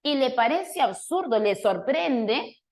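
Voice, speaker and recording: A woman leads a classroom review, her voice sitting a little on the high side. She explains patiently and works through each point. She often stops to put a question to a student by name. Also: animated, slow pace, a little mellow. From Peru. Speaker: language teacher.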